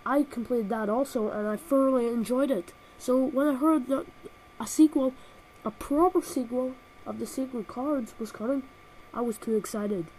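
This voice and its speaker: Nasal and stuffed up from a cold, a woman reviews a video game through sarcastic, exaggerated comic rants. Her voice sits on the high side with a darkish tone and a normal pace. It's captured on a built-in laptop mic, so the audio is poor, with slight background noise.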